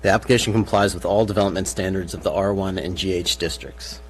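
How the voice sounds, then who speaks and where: A man's voice: sits low, steady tone, quick pace, soft background music, rough recording. A man presenting as city planning staff, formally and methodically reading through technical details. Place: public meeting room. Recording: faint hiss and hum.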